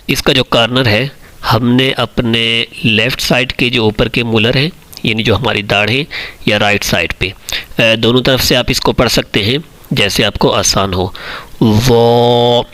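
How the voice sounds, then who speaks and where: A man teaching the Quranic alphabet online, reciting each letter slowly and patiently and explaining it in Urdu mixed with English words. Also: medium pitch, sharp tone.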